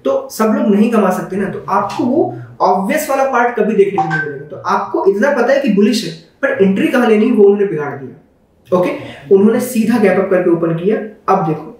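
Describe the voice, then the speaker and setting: A man's voice: high voice, darkish tone. A man explaining his trading plan over charts in a conversational teaching manner, often asking rhetorical questions. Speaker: trading educator. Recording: very echoey room, mic at a distance.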